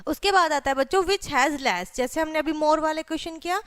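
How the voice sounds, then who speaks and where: A woman with a high, light voice gives a children's math lesson. She counts aloud step by step and spells each number name letter by letter. She mixes English words into her speech and keeps checking in with the children. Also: brisk, fairly bright tone. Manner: addresses children directly, frequent "theek hai" check-ins. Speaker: teacher.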